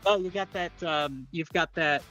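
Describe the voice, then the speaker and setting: Male sports play-by-play host, slightly high pitch, chatty, casual, self-deprecating, light music underneath. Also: measured pace, sharp tone. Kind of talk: casual live sports commentary.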